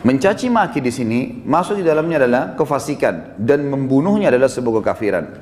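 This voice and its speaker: A man delivers a sermon in a voice of ordinary middle pitch, explaining patiently and asking the audience short checking questions. He slows down to chant Arabic verses. The sound carries a long hall reverb and a faint background hiss. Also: sing-song, darkish tone. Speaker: preacher.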